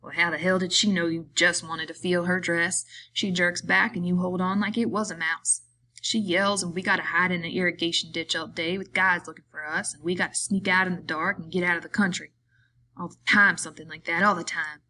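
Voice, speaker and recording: A woman voicing a gruff, quick-tempered grown man, a ranch hand with rough rural drawling speech. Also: lowish voice, fairly even intonation, sharp tone. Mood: furious.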